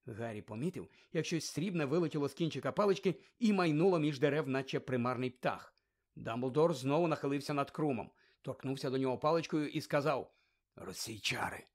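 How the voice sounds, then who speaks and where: A man narrating an audiobook with lively, expressive reading. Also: fairly high pitch, fairly quick.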